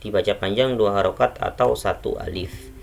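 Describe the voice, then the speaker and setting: A man teaching Quran recitation rules in a patient, unhurried way, correcting common mistakes. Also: fairly low pitch, creaky, slight background noise. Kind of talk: tajwid lesson with recited examples.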